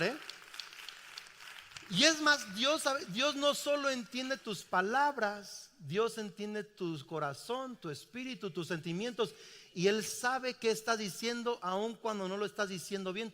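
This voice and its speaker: A man's voice: high voice, in a large hall. A middle-aged man preaching a sermon in a large church, asking the congregation questions. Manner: animated, asks the congregation questions. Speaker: pastor.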